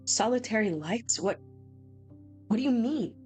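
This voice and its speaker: A woman's voice: on the high side, expressive, measured pace, a little mellow, soft background music. A woman streaming a game with playful, casual commentary, reacting aloud and reading text as she goes.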